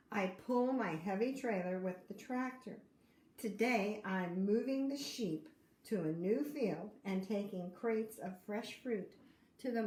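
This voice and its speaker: A woman's voice: medium pitch, darkish tone. Grandmotherly older woman reading in an echoey room. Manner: grandmotherly, encouraging, explains simply. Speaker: storyteller reading to children. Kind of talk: reading a picture book aloud to young children, with questions and asides. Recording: roomy echo, faint background noise.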